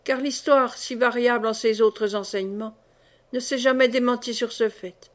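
Woman reading an old novel out loud, calm measured, bit high voice. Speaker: audiobook reader. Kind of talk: scripted narration.

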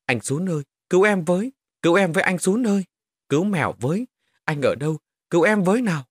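A man's voice: sits high, animated, quick pace, husky, dry recording, voice pushed up. A man doing a terrified little girl begging. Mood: screaming for help. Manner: pleading, sobbing cries.

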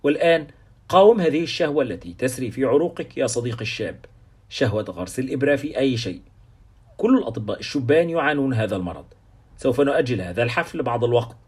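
Audiobook: man playing a dry, teasing veteran doctor, quick, husky. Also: medium pitch, animated, darkish tone. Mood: wry, lecturing. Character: seasoned male doctor, wry and teasing.

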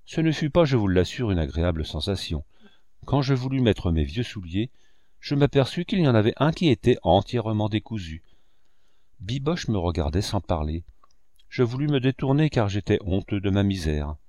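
A man narrating a novel as an audiobook with measured storytelling. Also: lowish voice, sing-song, dark tone, no room sound, studio quality.

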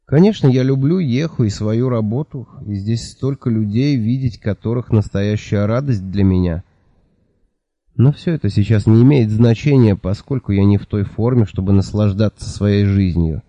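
A man reading the lines of an irritable, sharp-tongued elf-like young woman in an audiobook, in a snappish manner. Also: on the low side, normal speed, no room sound, dull audio. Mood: brooding.

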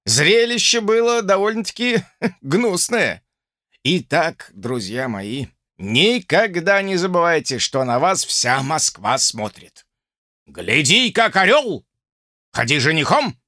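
Man voicing a stern drill officer, barking commands, bright tense voice, very lively delivery. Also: on the high side, slow pace, dry recording, clean studio sound, pitched above the performer's own voice, heavily acted. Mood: mocking stern. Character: stern sharp-tongued male army drill officer.

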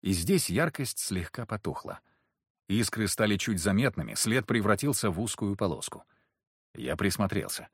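A man narrating a first-person fantasy audiobook in terse, wry, clipped sentences. His low voice is husky, and it rises and falls in lively, expressive swings. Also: normal speed, no echo, studio quality.

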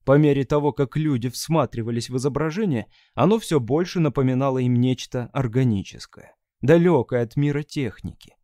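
A man narrating a science-fiction audiobook in a steady, even storytelling manner. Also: mid-range voice, brisk, few pauses, dry recording, clean studio sound. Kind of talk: scripted narration.

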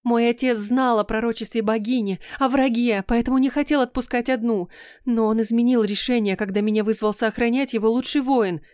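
A woman's voice: fairly high pitch, steady tone, fairly quick, a little mellow, clean tone, no room sound, studio quality, close to an everyday voice. A woman voicing a tearful, pleading young noblewoman. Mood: desperate. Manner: pleading, sobbing.

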